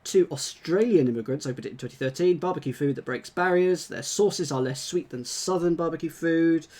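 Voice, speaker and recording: A man's voice: fairly high pitch, a little mellow. A man solving a puzzle on a livestream, reading clues aloud with frequent restarts and asides. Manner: reads aloud haltingly, with many restarts and asides. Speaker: puzzle solver. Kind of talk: casual chat while solving a puzzle on a stream.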